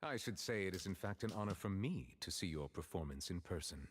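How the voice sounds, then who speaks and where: Un juge grave et très courtois. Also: male voice, sits low, animated, slightly rough. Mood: courteous, calm. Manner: formal, courteous, measured. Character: dignified, reserved male chief justice. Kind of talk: video game voice acting. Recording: game audio with faint hiss and long reverb.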